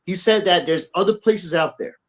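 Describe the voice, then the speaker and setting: Animated, cussing man on a rant. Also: sits high, moderate pace, low-quality recording. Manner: blunt, repetitive, profane, animated. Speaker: podcast co-host. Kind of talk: heated opinion rant. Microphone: on camera.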